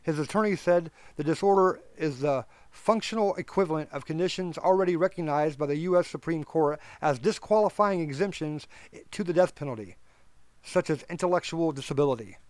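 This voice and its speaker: Podcast host, male, slightly high voice, reads headlines then goes blunt and sarcastic; dry close mic. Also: brisk, darkish tone, dry recording. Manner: reads news stories aloud, then adds blunt sarcastic commentary; stumbles and corrects himself while reading. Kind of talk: reading news and commenting.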